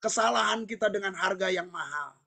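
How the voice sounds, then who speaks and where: Seorang pendeta pria menyampaikan khotbah dengan penuh semangat, sering berseru dan tertawa di sela poin. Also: male voice, high-pitched, a little fast. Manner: animated, shouting and laughing between points. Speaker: pastor. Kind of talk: sermon.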